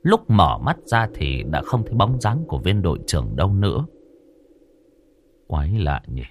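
A man narrating a scripted horror story in a dramatic, dark storytelling manner. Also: low voice, wildly swooping pitch, fairly quick, noisy background.

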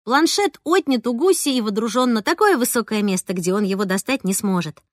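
A woman narrates a first-person story in a lively, conversational way. Her voice is a little high and recorded close and dry. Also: fairly quick, no echo. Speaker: audiobook reader.

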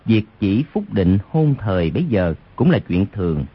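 A man's voice: on the low side, sing-song, moderate pace, breathy edge. A man narrating a martial arts novel as an audiobook on radio, reading expressively. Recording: lo-fi radio recording.

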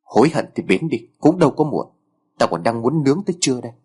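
A man's voice: medium pitch, very animated, a little mellow, husky. A man playing a sleepy, sarcastic teenage boy. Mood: grumbling. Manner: grumbling, sarcastic, unhurried.

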